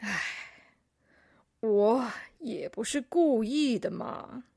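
A woman's voice: on the high side, lively intonation, slow pace, darkish tone, no room sound, clean studio sound. A woman voicing a weary, polite male chameleon who sighs and gives in, in a children's story. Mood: resigned. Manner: sighing, resigned.

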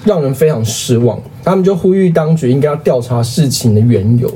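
A man's voice: medium pitch, animated, a little fast, dark tone, a little hiss or hum. A man, co-hosting a podcast, who drops wry one-liners and then walks through a news story. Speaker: podcast co-host. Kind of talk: casual chat and news recap.

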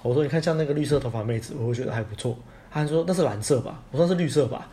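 A man's voice: medium pitch, dark tone. A man with a Taiwanese Mandarin accent, co-hosting a podcast and telling stories in a casual chat, swearing now and then. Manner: fast storytelling, swears casually. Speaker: podcast co-host.

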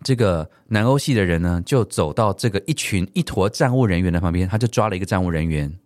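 A man's voice: low-pitched, quick pace, no room sound. Man, middle-aged, Taiwanese Mandarin accent, solo podcast host, swears in English while storytelling, dry close recording. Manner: animated, mixes English swearing into his story.

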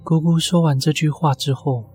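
A man's voice: fairly high pitch, fairly even intonation, moderate pace, a little mellow. A man narrating a scripted first-person ghost story as a storyteller. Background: music.

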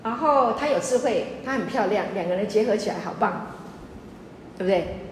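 A woman pastor giving a lively sermon, repeating her points emphatically and often asking the congregation questions. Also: mid-range voice, normal speed. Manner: repetitive, emphatic preaching with audience questions. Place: church sanctuary. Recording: echoey church hall with faint noise.

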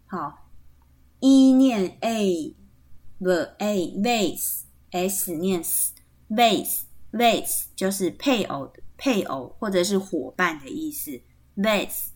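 A woman with a Taiwanese Mandarin accent teaches on a podcast in an unhurried, measured way. She spells each word out letter by letter and keeps checking in with her listeners. Her voice sits at an ordinary pitch for a woman. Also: lively intonation, a little mellow. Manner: spells words out letter by letter, patient and explanatory; frequent tag particles seeking agreement. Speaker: podcast host teaching Atayal kinship terms. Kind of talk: podcast language lesson.

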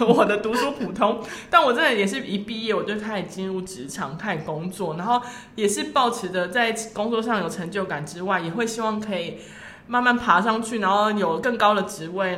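A young woman talks candidly in a bright, forceful voice, her pitch swinging up and down as she laughs her way through casual podcast chat. The recording carries a noticeable roomy echo. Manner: emotional, laughs often, candid. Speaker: podcast co-host.

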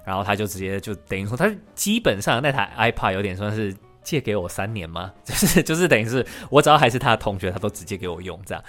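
A man, a podcast host who tells his own story as the guest in an animated way. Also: fairly low pitch, fast talker, few pauses, faint music behind. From Taiwan. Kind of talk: podcast interview.

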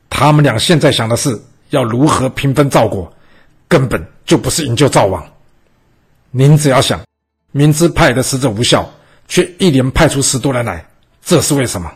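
Man, history storyteller, chatty, animated, husky, mid pitch. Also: moderate pace, pauses often, faint music behind. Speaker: podcast storyteller.

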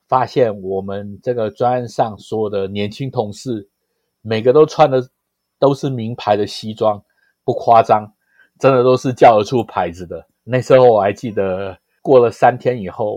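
A man's voice: on the low side, darkish tone, dry recording. A middle-aged man from Taiwan with a Taiwanese Mandarin accent, telling stories conversationally in an explanatory way, peppered with interjections. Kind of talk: conversational storytelling.

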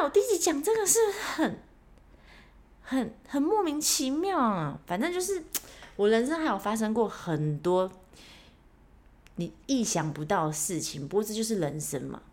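A young woman hosts her own podcast, telling a story from her life on her own. She talks in a chatty, animated way and pokes fun at herself as she goes. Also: lowish voice. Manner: chatty, self-mocking, animated. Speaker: podcast host. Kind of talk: casual solo storytelling.

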